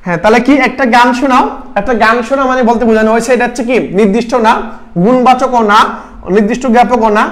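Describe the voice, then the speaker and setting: A young-sounding man runs an exam-prep lesson at a fast clip. He fires questions at his students, answers them himself and repeats the key point. The talk is loose and casual, like a tutor among his own pupils. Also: very high-pitched, steady tone. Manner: sings short song lines to make a point. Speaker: admission test tutor.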